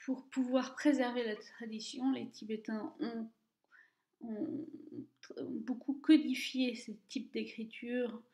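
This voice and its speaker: A woman teaching Tibetan reading, speaking slowly and carefully and repeating each word twice for the listener. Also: a little high, fairly even intonation, mellow. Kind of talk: slow, deliberate language lesson. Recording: echoey room, dull lo-fi sound.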